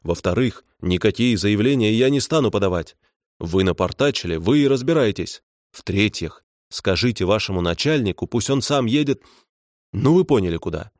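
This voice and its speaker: Guy voicing an angry plain-talking electrician yelling down the phone, loud and fed up. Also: lively intonation, normal speed, dry recording, studio quality, lightly acted. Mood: indignant, booming. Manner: booming, indignant. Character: indignant blunt middle-aged electrician, hot-tempered man.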